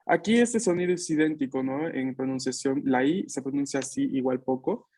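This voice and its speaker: A man's voice: medium pitch, moderate pace, darkish tone, a little hiss or hum. A man teaching an online language class over a video call at home, patient and checking in often with his students. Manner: drills students with repeat-after-me. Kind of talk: online Italian lesson for Spanish speakers.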